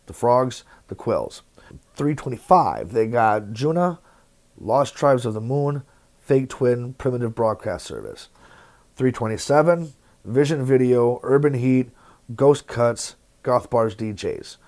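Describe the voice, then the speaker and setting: A man's voice: mid-range voice, darkish tone. A man hosting a local entertainment news show, bluntly rattling off event listings with plenty of profanity.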